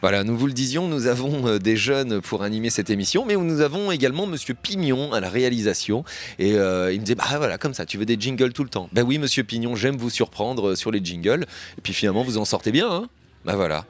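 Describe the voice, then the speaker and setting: A man's voice: mid-range voice, expressive, quick pace. A man hosting a live community radio show outdoors at a neighbourhood fête, chatty and rambling, with lots of fillers. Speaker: radio host. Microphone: radio studio mic set up outdoors.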